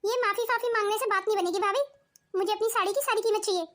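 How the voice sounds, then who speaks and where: A woman's voice: extremely high pitch, fast talker, fairly bright tone. A woman doing a haughty spoiled young wife. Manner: haughty, accusing. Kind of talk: cartoon voice acting.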